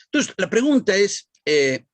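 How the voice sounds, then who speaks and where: A man asking a formal question at a public talk, with hesitant, halting phrasing. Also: sits high, big pitch swings, dry recording.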